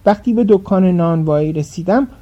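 Dark-voiced woman telling a tale. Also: lowish voice. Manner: expressive, dramatic. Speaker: storyteller. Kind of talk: scripted storybook narration. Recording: dull lo-fi.

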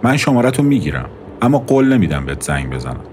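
A man reading the part of a cool, sardonic young woman who runs card games, speaking dryly and quietly mocking, over faint music. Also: on the low side, sing-song. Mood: dry, matter-of-fact. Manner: dry, quietly mocking, matter-of-fact.

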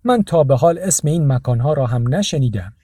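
A man's voice: on the high side, expressive, dark tone, slightly rough, no room sound, studio quality. Man reading a cold formal entrepreneur. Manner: cold and disapproving.

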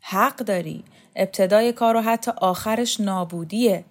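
A woman voicing a mysterious barefoot poet-magician who speaks in a calm, philosophical way. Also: medium pitch, close to an everyday voice.

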